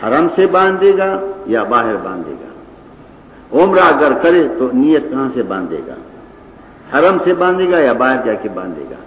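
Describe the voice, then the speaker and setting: A man's voice: mid-range voice, sing-song. An older man with a Pashtun accent delivers a religious lecture, arguing points step by step and reciting Arabic passages. His voice rings through a large reverberant hall, captured on a dull, lo-fi old recording with faint noise behind. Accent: Pashtun-accented Urdu. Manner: didactic, argumentative, quotes Arabic texts. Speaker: Quran and hadith teacher.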